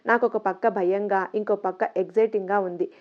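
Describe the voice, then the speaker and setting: A woman narrating a first-person story in a soft, steady reading voice. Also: mid-range voice, fairly quick. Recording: slightly dull lo-fi audio.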